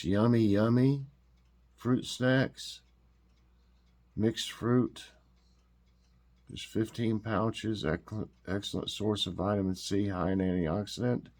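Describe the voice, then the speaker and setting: With a fairly low, slightly mellow voice that sounds stuffed-up and nasal, a man hosts a taste test on his vlog. He chats casually and homily, rambling and leaning on fillers and restarts.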